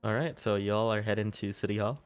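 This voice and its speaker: A man working as game master, casually narrating a tabletop role-playing game in halting, improvised phrases. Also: fairly low pitch, fairly even intonation, smooth. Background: background music.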